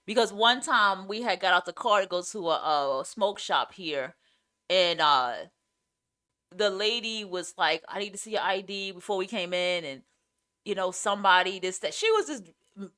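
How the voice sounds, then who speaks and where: A podcast host with a raspy, carrying voice of medium pitch and fairly bright tone speaks with a clear New York accent. Her casual, off-the-cuff monologue is blunt and opinionated, hammering her points emphatically and swearing freely.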